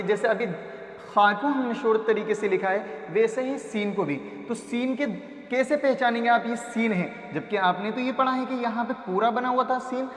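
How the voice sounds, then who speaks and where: High-voiced teacher drilling letter sounds. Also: male voice. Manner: drills sounds slowly, asks and answers his own questions. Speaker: Quran reading teacher. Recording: echoey room.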